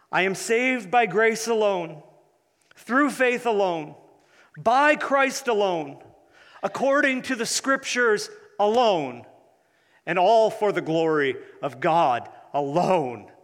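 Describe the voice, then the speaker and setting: A male preacher delivers his sermon like a rally speech. His voice sits fairly high, and he drives home repeated phrases with declamatory force. It rings through a large hall with long reverb. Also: expressive, slow, fairly bright tone. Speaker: pastor preaching.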